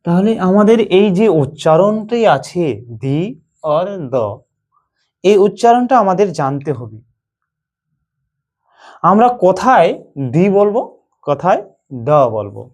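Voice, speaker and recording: Male teacher with a Bengali accent, fairly high voice, slow and deliberate, quizzing himself as he goes. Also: very animated, a little mellow. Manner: slow, repetitive, asks and answers his own questions. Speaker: English teacher. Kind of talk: slow spoken lesson.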